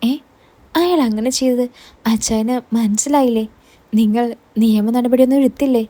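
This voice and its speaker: A woman voicing an eager young man who asks gentle questions and consoles. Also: fairly high pitch, fairly even intonation, moderate pace, natural voice. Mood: consoling.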